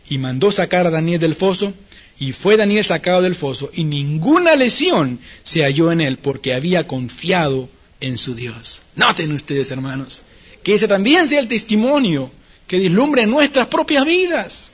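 A man pastor preaching a sermon, animated, acting out the people he quotes and laughing now and then. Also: fairly high pitch, breathy edge, muffled recording.

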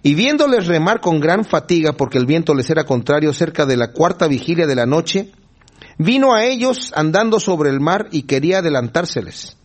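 A man preaches a sermon, reading Bible verses and explaining them conversationally while checking in with listeners. His voice sits on the high side and is sing-song, at normal speed. He often asks "¿verdad?" and chuckles as he explains.

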